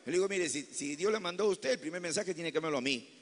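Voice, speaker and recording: A man preaching a sermon as a pastor, moving from quiet storytelling to loud, fervent exclamations. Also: fairly high pitch, expressive, fast talker, in a large hall. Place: large church hall.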